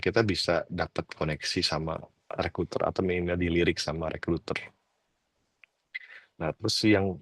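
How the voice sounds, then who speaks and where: A middle-aged man giving casual advice, talking in a relaxed, hesitant way with lots of fillers and English words mixed in. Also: sits low, no echo, clean studio sound. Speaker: guest advisor on working abroad. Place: lives abroad, talks from home.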